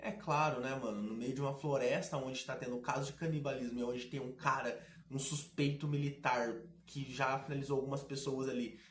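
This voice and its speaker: A man talks through a video game with casual, sarcastic and slangy commentary. His voice sits at a middle pitch. The recording has a roomy, echoing sound. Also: steady tone, a little fast, hardly any pauses, a bit bright, slight background noise. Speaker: gaming video host. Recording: roomy echo.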